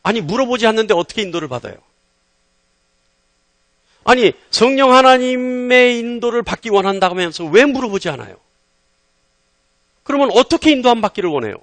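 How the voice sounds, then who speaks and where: A male pastor preaching a sermon with emphasis, firing rhetorical questions and swinging between loud and soft. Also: extremely high pitch, expressive, fairly quick, long pauses, no room sound.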